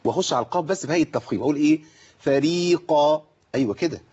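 A man with an Egyptian accent teaching Quran recitation on a broadcast lesson, explaining and slowly demonstrating verses with rhetorical questions. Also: a little high, lively intonation, a little mellow, breathy edge, dull audio.

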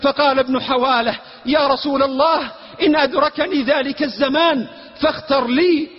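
A man preaching a sermon with passion, at times chanting and shouting. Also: very high voice, brisk. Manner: impassioned, with chanted and shouted passages. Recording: reverberant hall, dull lo-fi sound.

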